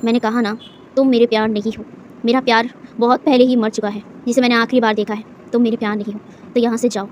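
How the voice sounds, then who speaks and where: A woman voicing a hurt young man who coldly rejects his lover, speaking low and curt. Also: flat delivery, fast talker, darkish tone, a little hiss or hum, natural voice. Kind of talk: storybook reading.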